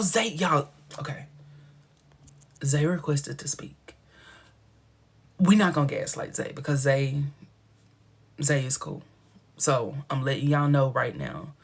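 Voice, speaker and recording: A woman in her thirties hosts a casual livestream, bantering in playful, affectionate slang with her viewers and a guest. Her voice is low and husky.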